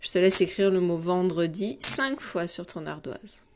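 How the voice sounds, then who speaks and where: A woman teacher giving a dictation lesson to young children, speaking clearly and patiently and addressing the child directly. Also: lowish voice, lively intonation, normal speed, darkish tone. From France. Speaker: primary school teacher.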